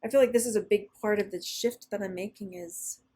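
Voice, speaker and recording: A woman co-hosting a casual spiritual podcast, telling stories animatedly and often pausing to search for words. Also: mid-range voice, steady tone, darkish tone, slightly rough. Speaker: podcast co-host.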